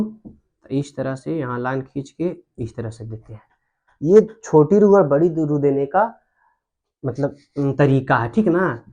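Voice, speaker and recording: A man's voice: medium pitch, warm tone. A man teaching Hindi grammar at a board, who repeats terms and asks his students questions. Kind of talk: whiteboard grammar lesson.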